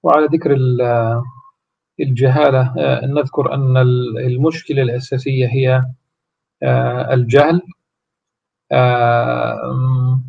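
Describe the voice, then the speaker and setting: A man reciting formal salutations and then giving a religious explanation, speaking slowly and haltingly with many drawn-out pauses. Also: medium pitch, flat delivery, gravelly. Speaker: religious teacher. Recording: dull lo-fi recording.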